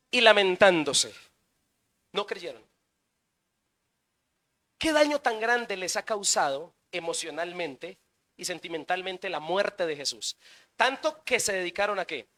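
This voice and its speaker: A man preaching a sermon in church, firing rhetorical questions and swinging between loud bursts and quiet stretches. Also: sits high. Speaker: pastor.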